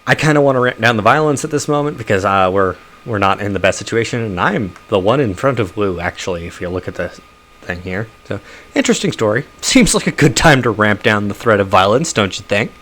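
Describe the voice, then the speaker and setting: A man's voice: on the low side, lively intonation, fairly quick, fairly bright tone. A man streaming a game live, chatting casually with frequent chuckles and fillers. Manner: chuckles often, loose with fillers.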